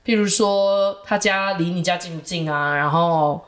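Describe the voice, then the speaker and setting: A woman's voice: lowish voice, moderate pace. A young woman with a Taiwanese Mandarin accent co-hosting a podcast, chatting casually and giving frank opinions. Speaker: podcast co-host. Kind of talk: casual chat.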